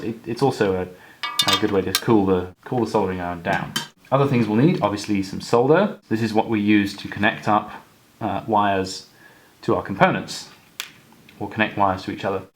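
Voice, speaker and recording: Relaxed man explaining a hobby tutorial. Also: lowish voice. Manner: relaxed, explanatory with frequent fillers and restarts. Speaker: model railway hobbyist tutor. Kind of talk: casual demonstration tutorial.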